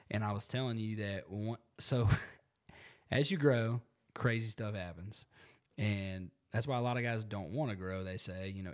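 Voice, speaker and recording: Rambling male podcast host. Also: fairly low pitch. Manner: rambling storyteller, lots of "like". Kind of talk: casual chat.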